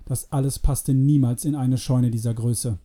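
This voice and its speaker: A man narrating an adventure story in a calm, measured audiobook reading. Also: medium pitch.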